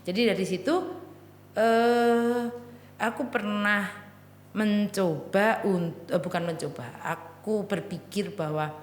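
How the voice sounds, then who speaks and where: A woman's voice: mid-range voice, fairly even intonation, takes it slowly, a little hiss or hum. A woman, a guest talking in a casual, playful, joking way, slipping into local phrases. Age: 40s. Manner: playful, jokey, drops into Javanese phrases. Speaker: guest artisan. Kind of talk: casual podcast chat. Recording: echoey room with long reverb and faint ambience.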